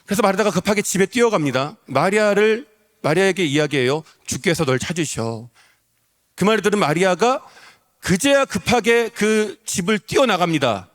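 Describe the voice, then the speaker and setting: A man's voice: sits high, fairly bright tone. A male pastor preaching an emotional sermon, repeating phrases for emphasis, in a large church sanctuary. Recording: long reverb of a church hall.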